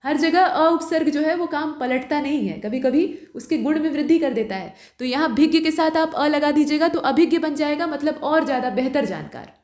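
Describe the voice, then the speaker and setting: A woman with a high voice works patiently through exam questions as a tutor, stopping now and then to ask the listener a question. The sound is roomy, with a clear echo around her. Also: animated, moderate pace, few pauses, a little mellow. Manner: patient, explanatory, asks rhetorical questions. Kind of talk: explaining test questions.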